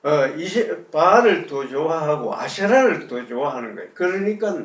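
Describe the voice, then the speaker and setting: A man's voice: fairly high pitch, big pitch swings, moderate pace, roomy sound, distant mic. A male pastor giving a conversational sermon, asking the congregation rhetorical questions. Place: church sanctuary.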